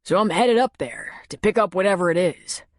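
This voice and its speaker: A woman's voice: mid-range voice, moderate pace, dry recording, studio quality, natural voice. A woman narrator voicing a plainspoken man who talks in a casual, clipped, matter-of-fact way.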